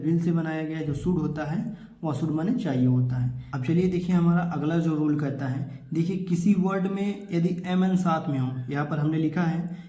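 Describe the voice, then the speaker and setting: A man's voice: fairly high pitch, warm tone, reverberant. A man teaching English pronunciation rules to children, repeating each rule and answering his own questions. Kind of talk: classroom-style lesson.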